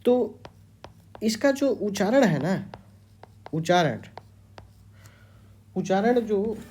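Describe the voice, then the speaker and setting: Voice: medium pitch, sing-song, slow, darkish tone. A teacher giving an exam-prep grammar lecture, repeating key terms and quizzing the students.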